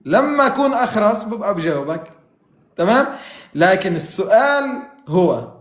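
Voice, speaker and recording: A man's voice: sits high, sing-song, moderate pace, roomy sound. A man in a heated religious debate, arguing, quoting old texts and laughing mockingly.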